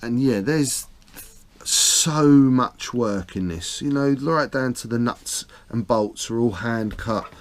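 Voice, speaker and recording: A man's voice: medium pitch, slow. A man, a miniature model artist, chatting casually and proudly as he shows off his handmade pieces at home. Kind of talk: casual guided tour chat. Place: indoor hobby room at home.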